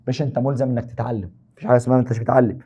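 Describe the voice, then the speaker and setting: A man's voice: medium pitch, level tone, rapid-fire, mellow, husky, highs cut off. A man with an Egyptian Arabic accent teaching an exam review lesson, joking and teasing his students as he explains.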